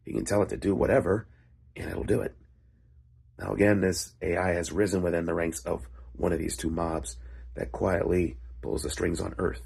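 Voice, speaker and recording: A man with a gravelly, phlegmy voice telling a story casually in halting short phrases, like a writer hosting his own vlog. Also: low-pitched, level tone, a little mellow. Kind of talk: casual rambling storytelling monologue.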